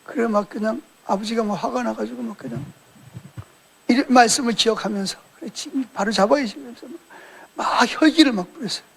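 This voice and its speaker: A male pastor with an unusually high voice that is gravelly and husky delivers a sermon. He tells it like a story, in an everyday conversational tone. He acts out the lines people say as he retells the events. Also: brisk. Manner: colloquial storytelling, animated retelling with quoted dialogue.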